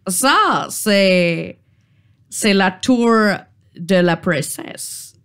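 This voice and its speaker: A woman's voice: mid-range voice, animated, very slow, fairly bright tone, clean tone, pitched below the performer's own voice, heavily acted. A woman voicing a prim, polite, well-dressed male troll who keeps a bridge in a tabletop game. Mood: fussy. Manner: fussy, formal and courteous.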